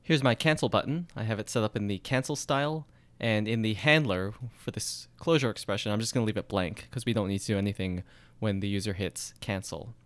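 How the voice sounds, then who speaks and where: A male programming instructor with a smooth, lowish voice leads a screencast coding walkthrough, explaining steadily and methodically as he types. His pace is brisk, and there's no room sound.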